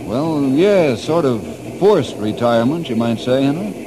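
An actor playing a friendly ranger leader who explains things steadily in an old-time radio adventure. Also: male voice, mid-range voice, lively intonation, measured pace, natural voice. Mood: explaining. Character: genial, steady male head ranger and ex-Navy man. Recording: noisy old radio drama recording.

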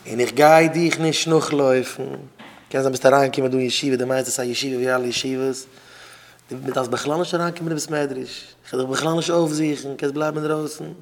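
A man, a rabbi, giving an informal sermon to students, repeating phrases for emphasis and swinging between loud bursts and quiet asides. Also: mid-range voice, fairly even intonation, fairly quick.

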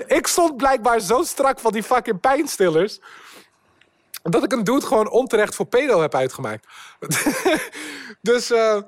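Casting: young male comedian, high voice, animated storyteller who swears and mixes in English. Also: a little slow, pauses often. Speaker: podcast guest, comedian. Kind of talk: storytelling anecdote.

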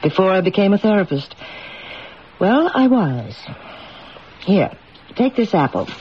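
A woman's voice: medium pitch, sing-song, measured pace. A coaxing, commanding woman with a dramatic fortune-teller delivery. Her intonation rises and falls widely in true radio drama fashion. The recording is dull, with some hiss. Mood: theatrical, knowing. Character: theatrical woman therapist and former fortune teller, assured, coaxing.

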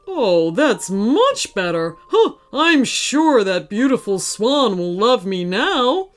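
A woman's voice: on the high side, sing-song, slow. A woman voicing a shy, lovestruck male hippo who speaks dreamily, with faint music behind. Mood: dreamy. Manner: dreamy, lovey-dovey.

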